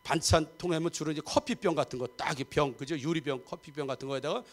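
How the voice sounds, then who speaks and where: A pastor in his fifties preaches a Sunday sermon in a church sanctuary, talking fast in a fairly high voice. He's chatty and joking, adding humor and audience asides, and often checks whether the congregation agrees.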